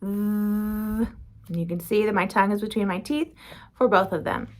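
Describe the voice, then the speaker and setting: Slow, careful woman teaching phonics. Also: medium pitch, fairly even intonation. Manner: slow, careful demonstrating of sounds. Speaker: reading and spelling teacher. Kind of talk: phonics lesson.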